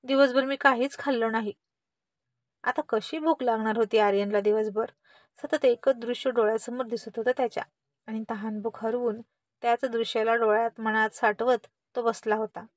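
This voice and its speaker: A woman narrating a family story in a lively, expressive reading style. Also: a little high, moderate pace, dry recording.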